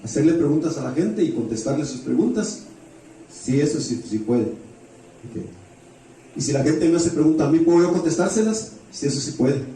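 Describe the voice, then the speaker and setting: A warm-toned man, his voice a little high, preaches expressively at a normal speed, weaving stories into his sermon. He repeats phrases for emphasis and frequently poses rhetorical questions to the congregation. Faint noise and heavy echo fill the church hall, recorded from a distant mic.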